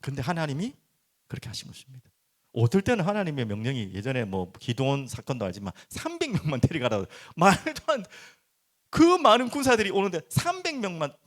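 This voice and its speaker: A man's voice: a little high, big pitch swings, fairly quick, a bit bright. A middle-aged male pastor preaching a sermon at a midweek prayer service, firing rhetorical questions and acting out people's inner thoughts.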